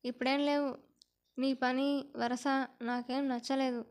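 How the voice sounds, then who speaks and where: A woman storyteller voicing a harsh, bossy woman who loudly scolds her maid. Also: high-pitched, little pitch movement, measured pace. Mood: scolding.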